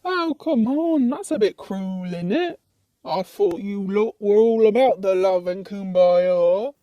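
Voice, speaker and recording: Playing a chatty, easygoing demon who is right at home in hell, a woman puts on a lightly acted mock hurt, her colloquial talk drifting along with gentle teasing in comic puppet-show style. Her voice is mid-range, dark and relaxed, and she speaks slowly. The recording is very dry and dull.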